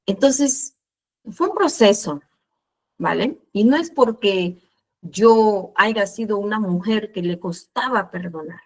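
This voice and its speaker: A woman pastor giving an emotional sermon testimony, speaking directly to her congregation. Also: medium pitch.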